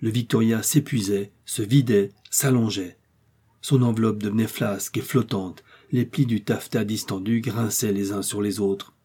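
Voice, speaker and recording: A man reading a classic adventure novel aloud as scripted audiobook narration, in a steady, measured way. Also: fairly low pitch, husky. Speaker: audiobook reader.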